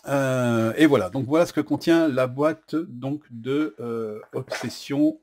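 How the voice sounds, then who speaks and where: A man's voice: mid-range voice, takes it slowly, darkish tone. Chatty French man demoing a board game. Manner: chatty, says "hop" as he flips cards; hesitant, many fillers. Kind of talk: casual unboxing and rules demo.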